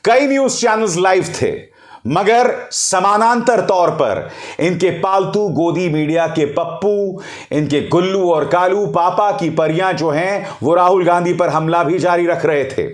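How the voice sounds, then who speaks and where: A man's voice: sits high, a little slow, echoey room. A man giving opinionated political commentary, speaking emphatically and often turning to his viewers as friends. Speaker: news commentator.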